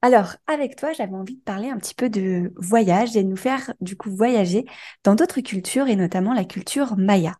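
A woman hosting a podcast, asking her guest friendly questions in a gentle, conversational way. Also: mid-range voice, normal speed. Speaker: podcast host. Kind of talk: casual interview.

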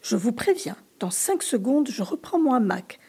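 A woman voicing a grumpy male sloth in a storybook reading, shouting and whining in exasperation. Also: mid-range voice, animated, normal speed, breathy edge. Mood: annoyed. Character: fussy sloth, male, grumpy and put-upon.

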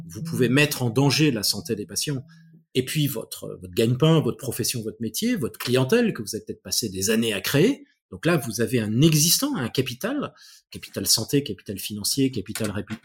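A man's voice: medium pitch, very animated, normal speed, a little hiss or hum. A man speaking as an expert guest in an interview, explaining ideas thoughtfully with frequent restarts and repeated words.

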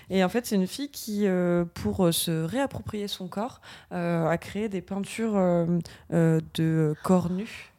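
A woman's voice: on the low side, dark tone. A woman co-hosting a casual podcast, talking with frequent hesitations and fillers. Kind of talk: casual chat.

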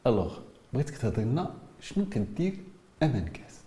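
A man's voice: medium pitch, big pitch swings, quick pace, mellow. A man with a Moroccan Arabic accent hosting an interview, mixing French words into his questions. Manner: mixes French words into speech. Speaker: interview host. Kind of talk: startup interview. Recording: roomy, echoing sound.

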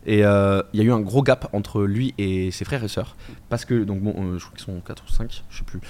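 A man hosting a casual chat, talking in a relaxed, rambling way with hesitations. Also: lowish voice, normal speed.

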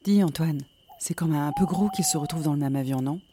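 A woman's voice: sits low, quick pace, background noise, natural voice. An actress playing a bored young woman who grumbles and tells a story. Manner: grumbling, then whispering the story.

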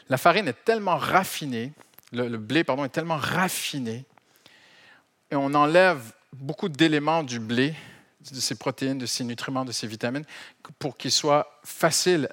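A middle-aged man from Canada with a Canadian French accent, preaching a sermon to his congregation in an animated, conversational and humorous way. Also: medium pitch. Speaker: pastor. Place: church hall.

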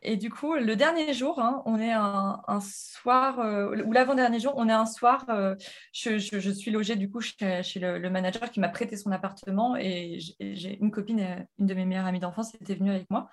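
This guest, a French entrepreneur in her thirties, shares her story animatedly in a casual interview, peppering it with fillers and restarts. She has a mid-range voice and speaks at a normal speed.

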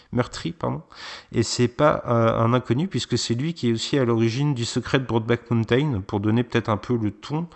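A man co-hosting a film podcast, talking casually with frequent hesitations and fillers. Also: mid-range voice. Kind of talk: casual film review chat.

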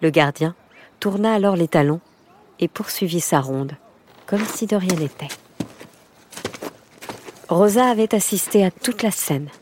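A woman reading a children's storybook aloud in a measured, expressive way. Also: lowish voice, noisy background. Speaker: narrator. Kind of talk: storybook narration.

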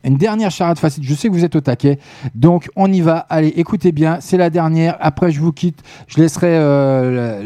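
Guy hosting a radio show, bit hoarse, joking around, dry studio sound. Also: a little high, warm tone, no room sound. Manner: chatty, joking with listeners in the chat. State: voice going hoarse from talking. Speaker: radio host. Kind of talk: casual live radio hosting.

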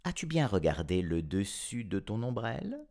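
A man voicing a calm, gentle mother in a storybook tale, speaking softly and reassuringly. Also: fairly low pitch, moderate pace.

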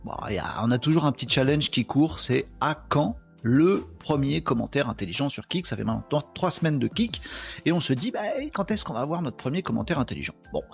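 A man's voice: mid-range voice, expressive, a little fast, vocal fry, soft background music. A tired man hosting a daily live stream, chatting casually and joking with viewers he greets by name.

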